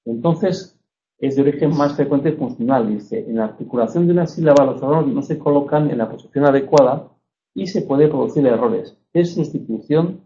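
A man from Spain teaches a lecture in a relaxed, mellow voice of middle pitch. He explains patiently, with frequent little check-ins to his listeners. The recording sounds dull and lo-fi. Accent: Spanish (Spain). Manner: explanatory, checks understanding with frequent tag questions. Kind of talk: university lecture.

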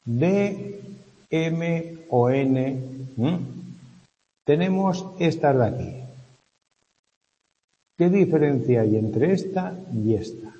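A man teaches a class in a slow, unhurried way, pausing to check that his students follow. His voice is very dark and mellow. The sound is dull and lo-fi, with a long reverb from the lecture hall. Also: a little high, expressive. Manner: explanatory, checks in with frequent questioning hums. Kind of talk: classroom lecture on Latin abbreviations.

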